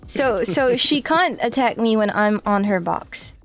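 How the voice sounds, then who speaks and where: Female game streamer, cute anime style, bright high register, casual confused chat, faint music behind. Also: lively intonation, a little slow.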